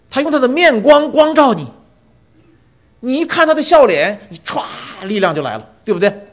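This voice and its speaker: A middle-aged man preaching a sermon, telling stories with many rhetorical questions and rising to emphatic peaks. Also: on the high side. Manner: animated storytelling, rhetorical questions, voice swells when emphatic. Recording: dull lo-fi sound.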